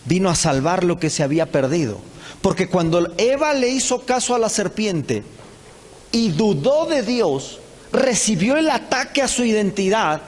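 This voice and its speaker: A pastor, preaching a sermon live and animatedly acting out Bible characters in quick dialogue. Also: male voice, high-pitched, lively intonation. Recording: live church hall with reverb and faint ambience.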